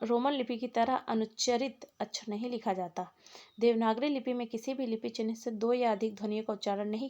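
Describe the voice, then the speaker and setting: A woman gives a lesson in a fairly high voice. She explains each point in turn and reads out long word lists one after another. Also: warm tone. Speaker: teacher. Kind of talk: exam-prep lecture on Hindi linguistics.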